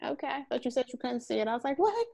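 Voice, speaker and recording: A woman hosting a casual online interview, introducing her guest with chatty, drawn-out emphasis. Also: high-pitched, very animated, creaky, dark tone. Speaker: host.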